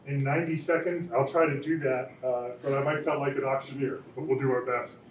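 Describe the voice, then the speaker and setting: A man's voice: mid-range voice, fairly even intonation, fairly quick. A middle-aged man speaks earnestly at a candidate forum, with a folksy touch. He sounds far from the mic in a roomy, echoing space. The sound is dull, with a faint hiss. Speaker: school board candidate.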